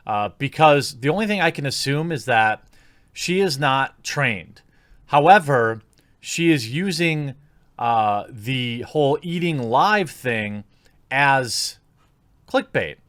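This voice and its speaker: Speaking into a close mic, a man delivers sarcastic, critical online commentary for YouTube in a relaxed, opinionated style. His voice is mid-range with a fairly bright tone, and the recording is dry.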